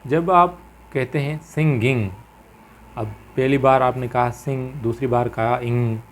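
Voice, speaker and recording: Male teacher, slow halting lecture delivery, faint background hiss. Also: medium pitch. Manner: halting, many fillers and repeated phrases; mixes English terms into Urdu-flavoured Hindi. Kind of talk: grammar lecture.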